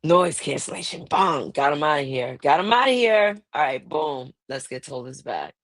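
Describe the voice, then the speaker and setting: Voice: mid-range voice, expressive, moderate pace, no room sound. Casual host, voice chopped by noise cancellation. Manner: laid-back, rambling, loud exclamations. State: sleepy, just out of bed. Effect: voice clipped by earbud noise cancellation. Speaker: podcast host. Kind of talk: casual chat. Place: home, at a computer. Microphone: wireless earbuds.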